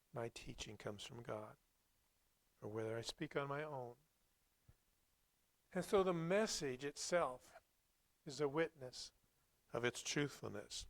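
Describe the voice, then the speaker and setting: A man preaching a Sunday sermon, reading scripture and commenting on it in a plainspoken, reflective, halting way. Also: medium pitch, no echo.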